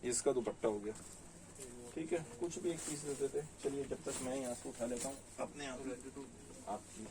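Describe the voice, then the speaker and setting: A man's voice: mid-range voice, normal speed, far from the mic, heavy background noise. Chatty shopkeeper man, Delhi Hindi. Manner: chatty, reads out prices and sizes. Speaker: saree shop owner selling online. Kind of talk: casual sales talk showing garments. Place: shop in Delhi.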